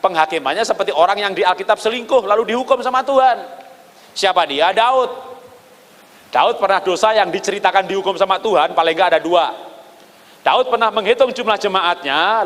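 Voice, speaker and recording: A man with an Indonesian accent preaching a sermon, animated, asking rhetorical questions and dropping low for emphasis. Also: a little fast. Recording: long hall reverb.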